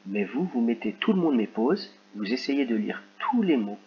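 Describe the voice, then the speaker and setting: A man teaching a recorded phonics lesson to young children, dictating words slowly and clearly. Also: mid-range voice, sing-song, highs cut off, a little hiss or hum. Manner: slow, carefully articulated word dictation.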